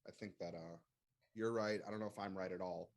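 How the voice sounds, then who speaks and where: A man's voice: low-pitched, fairly even intonation, fairly quick, crowd noise. A man co-hosting a casual business podcast, talking with many hesitations and restarts.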